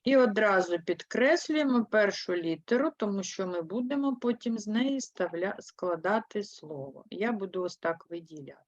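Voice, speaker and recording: A woman's voice: mid-range voice, animated, normal speed, hardly any pauses, dry recording. A woman teaching a third-grade language lesson, explaining patiently and spelling words out syllable by syllable. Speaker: primary school teacher. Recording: dull, lo-fi dry sound.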